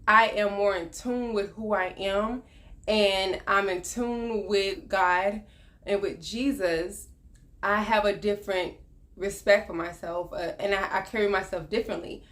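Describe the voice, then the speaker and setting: A woman's voice: mid-range voice, steady tone, a little slow, a bit bright. A woman in her thirties talking earnestly about her life in a personal vlog, reflective and loose, with many fillers. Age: 30s. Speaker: vlogger.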